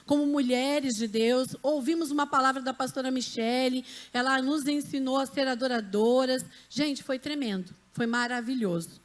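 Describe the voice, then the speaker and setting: High-voiced woman pastor. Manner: fervent, preacherly, calls out to the congregation. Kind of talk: church announcements from the pulpit. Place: church sanctuary.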